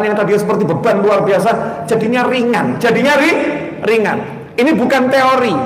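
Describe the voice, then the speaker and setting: A man preaching a religious lecture with an Indonesian accent, moving between soft prayerful murmurs and emphatic raised points. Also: extremely high pitch. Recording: roomy hall with long reverb.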